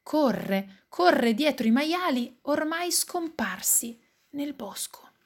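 A woman who works as an educator and musician, reading a picture book aloud for young children in an expressive way. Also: high-pitched. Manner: slow, expressive storytelling.

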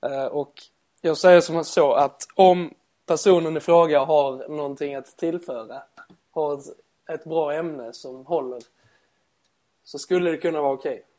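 A man's voice: fairly high pitch, warm tone. A man co-hosting a podcast in casual chat; his voice is weak and shaky today, and he tells stories with a laugh. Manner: storytelling, laughs often. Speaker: podcast co-host.

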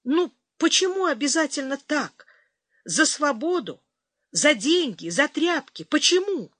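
A woman's voice: very animated, unhurried, no echo, clean studio sound, heavily acted. A woman reader voicing a young female captive who pleads and bristles with defiance. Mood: indignant. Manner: pleading, turning to shrill shouting.

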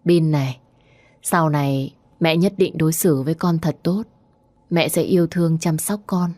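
A woman voicing a gentle, guarded young mother in an audio story. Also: sits low, normal speed, no room sound. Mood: tender.

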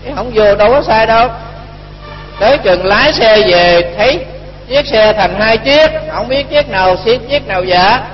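Lively high-voiced monk. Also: male voice, moderate pace, faint music behind. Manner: lively storyteller acting out dialogue. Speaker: Buddhist monk giving a dharma talk. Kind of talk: storytelling sermon. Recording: dull lo-fi recording with long reverb.

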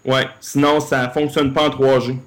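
A man's voice: mid-range voice, flat delivery, moderate pace, crowd noise. A man with a Québécois accent chatting casually as a podcast co-host, colloquial and often repeating words. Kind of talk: casual tech chat.

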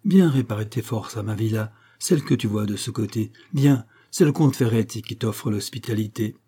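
Male reader playing a stern noble count, storybook, lofty delivery, mellow low timbre. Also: normal speed, breathy edge. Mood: gracious. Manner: lofty, declamatory. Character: proud old Florentine count, stern noble father.

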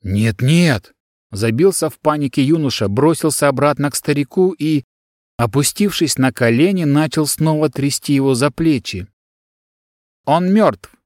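A man reading an audiobook in even, measured narration. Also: a little high, no room sound, clean studio sound.

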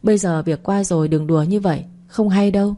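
A woman's voice: medium pitch, steady tone, brisk, dark tone, close to an everyday voice. A woman voicing a flustered, protesting young woman who runs a flower shop, in an audiobook romance.

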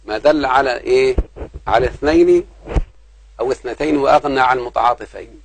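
A man's voice: medium pitch, fairly quick, creaky, a little hiss or hum, poor audio. A man teaching a grammar lesson. He repeats key points and poses rhetorical questions to the class. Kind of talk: grammar lesson explaining a text.

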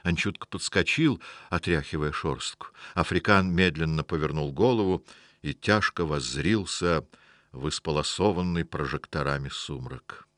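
A man reading a storybook aloud in a measured, expressive way. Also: very deep voice, no room sound, studio quality. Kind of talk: scripted storybook narration.

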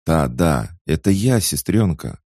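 A man with a deep, gravelly voice playing a desperate young man who pleads urgently with his sister, his voice breaking. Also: expressive, measured pace, mellow, no room sound, studio quality, full character voice.

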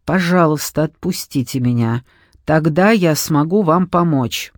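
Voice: mid-range voice, measured pace, no echo, natural voice. A reader giving voice to a young woman apprentice mage, pleading and earnest. She speaks with a frightened but determined tone, recorded close and dry. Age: young adult. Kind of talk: audiobook reading.

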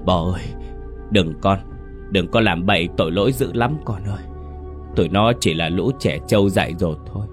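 A man's voice: low voice, fairly even intonation, moderate pace, natural voice. A man voicing a frail, grieving old grandfather who pleads and soothes. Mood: pleading. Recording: dry voice with faint music.

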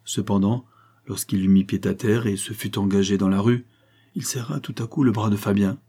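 Husky low-voiced male audiobook narrator. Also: steady tone, normal speed, dark tone.

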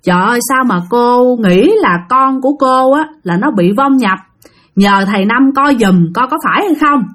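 A woman's voice: fairly high pitch, lively intonation, moderate pace, fairly bright tone. A woman voicing a worried middle-aged village woman who begs for help, in a spoken ghost story. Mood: pleading.

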